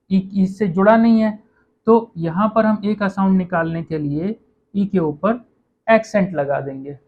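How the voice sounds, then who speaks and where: A patient teacher walks through pronunciation rules at a steady, mid-pitched level, checking in with frequent "okay"s. The audio is slightly dull and lo-fi. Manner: patient, repeats "okay" and corrects own slips. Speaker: French language teacher. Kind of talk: online lesson explaining pronunciation.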